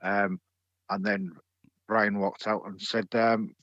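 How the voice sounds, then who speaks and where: A man's voice: lowish voice, sing-song, slow pace, vocal fry, a bit bright, no room sound, muffled recording. A middle-aged man telling a personal story as a podcast guest, chatty and hesitant, with many fillers and restarts. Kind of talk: storytelling in a casual interview.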